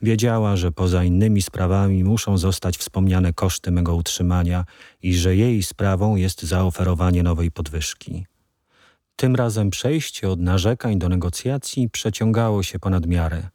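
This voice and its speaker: A man narrating a novel as an audiobook in a measured, even storytelling voice. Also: low voice, no echo, studio quality.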